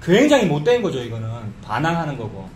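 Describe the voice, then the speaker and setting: Animated male pastor in echoey church. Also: on the high side, fast talker, slight background noise. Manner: conversational preaching, acts out quoted voices. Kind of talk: sermon. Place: church sanctuary.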